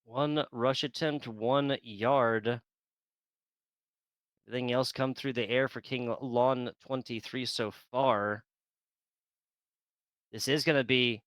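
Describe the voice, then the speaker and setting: A man calling a video game football match as play-by-play commentator, chatty and quick to laugh. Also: medium pitch, pushed and bright, clean tone, dry recording. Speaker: esports commentator.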